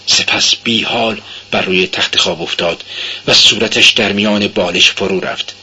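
A man giving a dramatic literary reading, measured and intense. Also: on the low side, steady tone, bright, forceful tone, husky, low-quality recording. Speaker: narrator.

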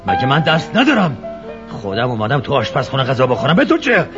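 A man's voice: a little high, very animated. An actor playing a greedy rich old man, starving and furious, in a children's radio play, ranting and wailing with lots of repetition. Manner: wailing, ranting, repeats himself. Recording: lo-fi recording with music behind.

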